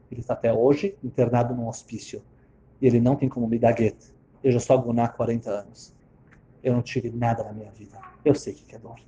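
A man's voice: mid-range voice, warm tone, voice pushed down, close to an everyday voice. A man voicing a consoling old woman survivor. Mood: sorrowful. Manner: slow, earnest, consoling. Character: grieving elderly woman, Holocaust survivor, gentle and firm.

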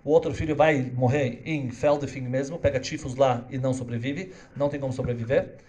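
A man telling a religious story dramatically, moving between hushed and loud. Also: medium pitch, steady tone, fairly quick.

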